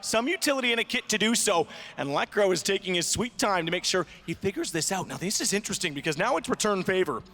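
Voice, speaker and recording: A man commentating play-by-play as an esports caster, excitable and building to shouted climaxes. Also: high-pitched, quick pace.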